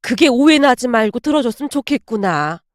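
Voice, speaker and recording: A woman voicing an older mother-in-law who scolds her son and then slowly pleads with her daughter-in-law, in a dramatized story reading. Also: a little high, animated, dry recording, studio quality, close to an everyday voice. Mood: pleading.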